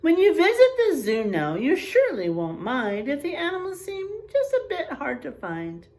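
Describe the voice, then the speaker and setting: A woman teacher reading aloud and chatting to young children in an expressive, encouraging, teacherly way. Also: high voice, moderate pace. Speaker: first grade teacher. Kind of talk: picture book read-aloud and chat to young pupils.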